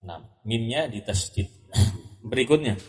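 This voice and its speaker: A man's voice: mid-range voice, expressive, unhurried. A man teaching an Arabic lesson, patiently repeating and correcting each student's answer. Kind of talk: classroom drill lesson.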